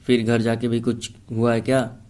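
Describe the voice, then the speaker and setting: A man's voice: mid-range voice, completely flat delivery, moderate pace, darkish tone, lightly acted. A man voicing a heartbroken young woman who snaps back bitterly. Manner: bitter and hurt, snapping back. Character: heartbroken young woman, tearful and sharp-tongued.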